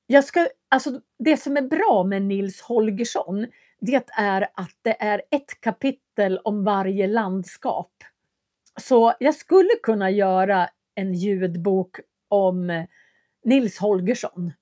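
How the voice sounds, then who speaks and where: A woman's voice: medium pitch, darkish tone, no echo. Lady from doing a live stream, friendly chat, lots of ums, dry sound. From Köping, Västmanland, Sweden. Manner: chatty and friendly, with frequent hesitation fillers. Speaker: language teacher and livestream host. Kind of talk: casual livestream chat, reading viewer comments.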